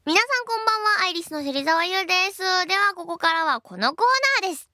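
Bubbly high-voiced young woman radio host. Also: expressive, fast talker, sharp tone, dry recording, studio quality. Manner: chatty, bubbly and self-deprecating. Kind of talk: casual radio talk reading listener mail.

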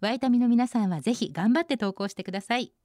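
A woman hosting a radio segment, reading out listener posts and adding bright, chatty comments on each one. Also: fairly high pitch, fast, dry recording, clean studio sound. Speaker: radio host.

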